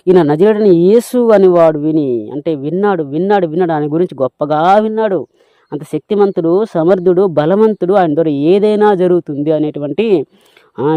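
Emphatic preacher on a tinny line. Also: male voice, high-pitched, fairly quick, no echo. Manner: emphatic and repetitive, asks listeners rhetorical questions. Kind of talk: sermon. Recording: dry tinny phone-like sound.

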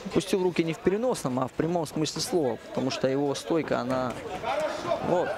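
Male MMA commentator, fairly high voice, halting repeated phrases, over a noisy arena crowd. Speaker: fight commentator. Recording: music and crowd noise behind. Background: arena music and crowd.

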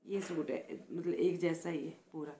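A woman from Himachal Pradesh talking softly and chattily in a casual vlog, showing gifts and praising them again and again. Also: sits low, fairly even intonation, unhurried, slight background noise. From Himachal Pradesh, India. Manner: chatty and affectionate, repeats words of praise; speaks softly, close to the mic. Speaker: vlogger.

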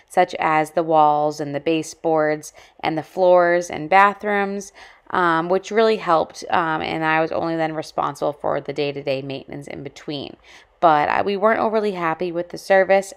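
A woman in her thirties narrating a home cleaning vlog in a casual voice-over, explaining her routine conversationally with occasional fillers. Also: on the low side. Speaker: lifestyle vlogger.

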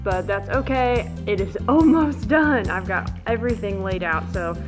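A woman's voice: medium pitch, a little slow, over music. A woman in her twenties casually talking through a painting project, filming herself at arm's length in a basement and garage workshop. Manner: chatty, relaxed, explaining as she works. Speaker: vlogger. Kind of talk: casual DIY vlog. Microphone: handheld camera at arm's length.

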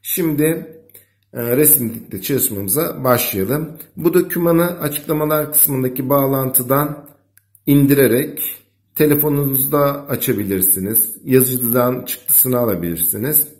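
A man's voice: medium pitch, unhurried, a little mellow. A man teaching young children, dictating simple words with repeats and prompting them with short questions. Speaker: primary school teacher and video host.

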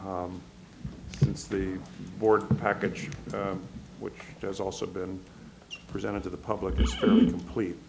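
A man chairing a public board meeting at a desk microphone in a large hall, speaking in a measured way with frequent fillers. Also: low voice, level tone, gravelly, background noise.

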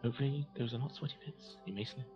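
A man making dry, deadpan quips while commentating a party game. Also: medium pitch, fast. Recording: dull lo-fi mic with music.

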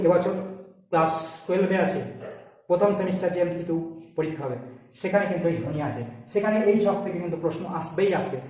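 A man's voice: high-pitched, dark tone, distant mic. A man teaching a grammar lesson, explaining step by step and asking and answering his own questions. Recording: very echoey room, off-mic.

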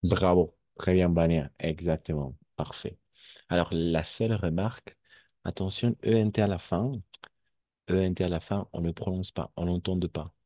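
A man's voice: low voice, fairly even intonation, moderate pace, dark tone, no echo, muffled recording. A male French teacher giving an online class, patiently repeating words and switching into Spanish to explain them.

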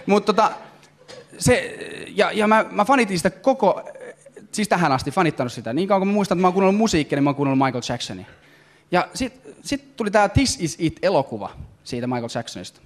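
A man performing a stand-up comedy routine on stage, talking in animated, excitable bursts. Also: sits high. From Finland. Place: comedy stage before a live audience.

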